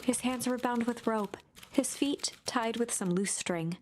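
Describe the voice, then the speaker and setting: A woman giving steady scripted narration for a story game. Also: a little high, unhurried, a little hiss or hum.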